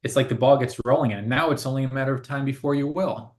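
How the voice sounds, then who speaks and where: A man's voice: medium pitch, fast talker, darkish tone. A man co-hosting a casual spiritual conversation, speaking in an earnest, reflective way and laughing often. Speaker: co-host.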